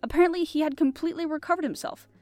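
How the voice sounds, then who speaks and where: A woman podcast host reading a classic mystery novel aloud in an expressive, animated style. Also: high-pitched, rapid-fire, faint music behind. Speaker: podcast host and audiobook reader. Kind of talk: audiobook narration.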